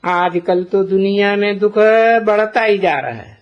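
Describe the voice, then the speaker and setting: Man, spiritual teacher, unhurried deliberate delivery, rhetorical questions, muffled lo-fi sound. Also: high voice. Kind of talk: slow spiritual discourse. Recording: dull lo-fi recording.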